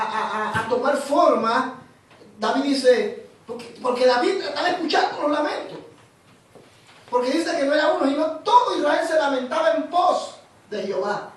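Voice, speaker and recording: A Panamanian man preaching a sermon in an animated storytelling way, repeating words as he goes. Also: very high voice, moderate pace, very echoey, distant mic, poor audio. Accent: Panamanian Spanish.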